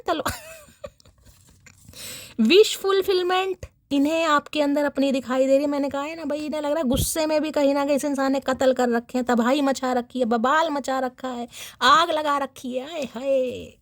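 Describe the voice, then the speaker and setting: A woman's voice: high voice, steady tone, moderate pace, no room sound. A young woman giving a casual tarot reading to her viewers, playful and teasing, laughing often. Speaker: tarot reader.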